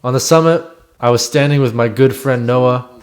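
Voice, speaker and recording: A man's voice: medium pitch, normal speed. A man reading a scripted first-person voice-over about his own expedition in a reflective storytelling way. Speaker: climber narrating own expedition.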